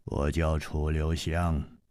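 A man voicing a calm, worldly male swordsman hero who speaks slowly and sighs wryly. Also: no room sound, clean studio sound. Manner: slow low-voiced sighing speech.

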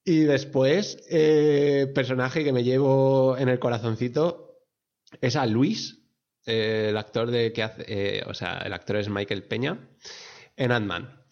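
A man tells his story in an animated way. He laughs often and swears freely in a casual voice message. The sound is dull and lo-fi. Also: medium pitch, takes it slowly. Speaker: listener sending an audio message. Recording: dull lo-fi audio.

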